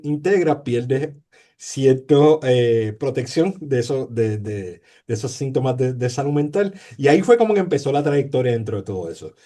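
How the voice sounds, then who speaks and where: This Puerto Rico-born sociologist has a warm, medium-pitched voice and a Puerto Rican Spanish accent. As a guest in a conversational interview, he speaks hesitantly, with plenty of fillers, repeated words and tag questions.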